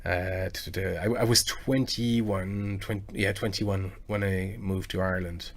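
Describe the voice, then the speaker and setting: A Frenchman in his forties with a low voice hosts a live stream, chatting casually and answering viewers' questions. He also covers game music. He talks a little slowly, rambling along with frequent bursts of excitement.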